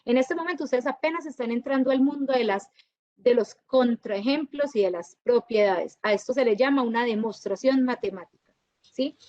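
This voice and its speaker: A woman teaching a university class, lively and often checking whether her students follow. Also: on the high side, normal speed, dry recording, highs cut off. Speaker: university lecturer. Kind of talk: classroom lecture.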